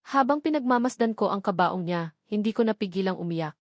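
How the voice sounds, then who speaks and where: Dry, even woman narrating a family drama. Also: medium pitch, a little fast, dry recording. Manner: short dramatic sentences, quoting every character in the same voice. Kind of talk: first-person dramatic story narration.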